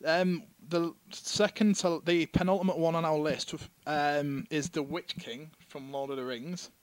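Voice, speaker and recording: A man's voice: a little high, fairly even intonation, a little slow, dry recording, poor audio. A man co-hosting a casual podcast chat, rambling and swearing casually. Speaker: podcast co-host.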